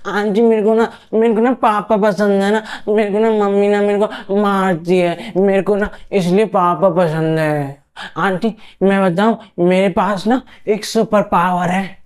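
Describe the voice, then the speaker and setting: A man voicing a cheeky little boy who talks slowly and childishly and blurts out secrets. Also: high voice, fairly even intonation, darkish tone, clean tone. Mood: innocent. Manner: slow, childish, drawn-out words.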